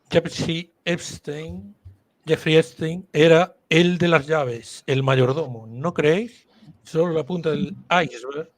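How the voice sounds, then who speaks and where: A man hosting a live-stream talk, relaxed and jokey. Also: a little high. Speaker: host.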